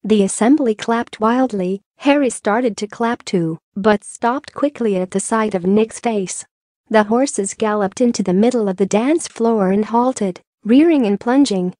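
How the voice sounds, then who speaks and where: A woman reading an audiobook as narrator, in a steady storytelling manner. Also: on the high side, a little slow, no room sound, studio quality.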